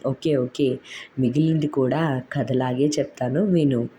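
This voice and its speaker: Woman narrator as a young wife: mild chiding, a touch higher, mellow. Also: steady tone, a little slow, slight background noise. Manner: gently chiding. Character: young wife and writer, mildly indignant.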